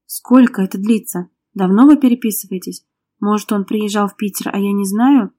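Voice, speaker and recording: A woman's voice: mid-range voice, normal speed, warm tone, lightly acted. A woman voicing a hot-tempered, jealous young man who snaps and threatens in an audiobook. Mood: furious. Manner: curt, snapping, menacing.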